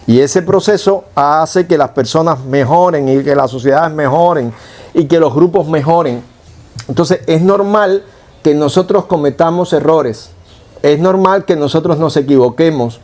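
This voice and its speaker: A Cuban pastor with a Cuban Spanish accent preaches to his congregation in a fairly high, darkish voice at a moderate pace. His teaching is conversational, sprinkled with rhetorical questions and pauses to correct his own wording.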